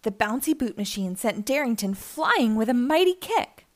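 A woman reads a children's picture book aloud in an expressive storytelling style. Her voice is on the high side and her pace moderate.

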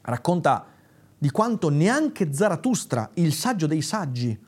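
A man's voice: fairly high pitch, sing-song, measured pace, a little mellow, slightly rough. A man hosting a philosophy video, talking straight to viewers and correcting himself as he goes. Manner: speaks directly to viewers, corrects himself aloud; reads the text dramatically, raising his voice at the cries. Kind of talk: spoken lecture with a read-aloud passage.

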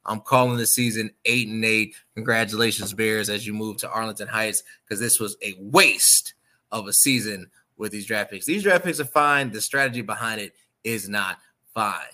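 This is a man from the Chicago area hosting a sports podcast. His voice is bright and forward, and he delivers opinionated takes with big swings between loud emphasis and quiet asides. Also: fairly low pitch, moderate pace. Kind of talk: casual sports opinion talk.

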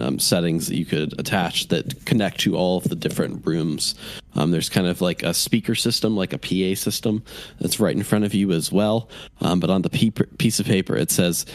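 A man's voice: low-pitched, a little mellow, dry recording. A man narrating as game master of a tabletop game, describing scenes in a rambling way with many fillers.

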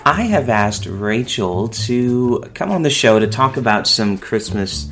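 A man's voice: mid-range voice, big pitch swings, measured pace, fairly bright tone, soft background music. A young man hosting a podcast at home, talking in an earnest, emphatic, preacherly way. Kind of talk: casual sermon-style podcast talk. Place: home, by the Christmas lights.

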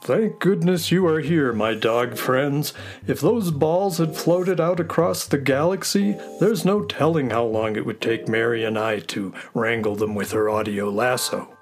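A man voicing a friendly, excitable space horse who looks after sounds, folksy and enthusiastic, in a children's audio story. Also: mid-range voice, unhurried, faint music behind, close to an everyday voice. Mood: relieved, grateful.

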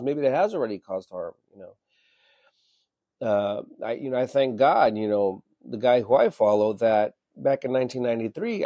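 A man in his fifties rambles through a reflective monologue, circling back with "you know" and casual swearing. His voice sits at an ordinary middle pitch. It is recorded close and dry, with no room sound around it. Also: a little mellow, dry recording. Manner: frequent restarts and repeated words. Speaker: emergency medicine worker.

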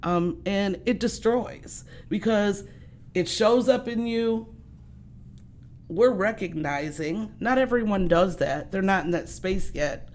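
A woman's voice: medium pitch, takes it slowly, a little mellow. A woman hosting a casual conversation, reflective and emphatic, asking rhetorical questions. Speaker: host.

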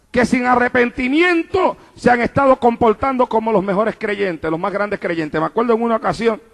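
A man's voice: sits high, gravelly. A man preaching a fervent sermon to a church congregation, driving home his points with repeated phrases and calls to the listeners. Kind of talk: evangelical sermon. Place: church in New York.

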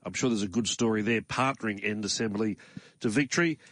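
A man with an Australian accent hosting a morning racing talk show from a studio in a measured, conversational way. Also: lowish voice, a bit bright, no room sound. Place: radio studio.

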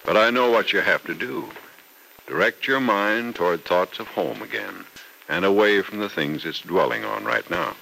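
An actor in his sixties playing a kindly, fatherly older man who speaks gently and reassuringly, in 1940s radio acting style. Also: on the low side, normal speed, vocal fry, a little hiss or hum, rough recording. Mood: consoling. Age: 60s.

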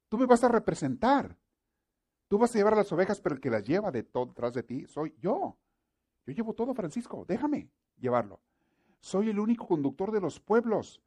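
Preacher guy doing god talking, big solemn voice, higher and louder than his own, slow and proclaiming, mellow tone. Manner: solemn, proclaiming, repeats a name insistently. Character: God, a mighty, commanding male divine voice. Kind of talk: sermon.

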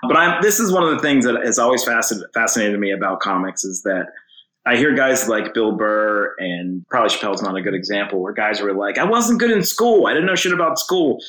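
A man's voice: on the low side, very animated, brisk, sharp tone. A man hosting a podcast, chatting casually and reacting with open amazement. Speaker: podcast host. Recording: echoey room.

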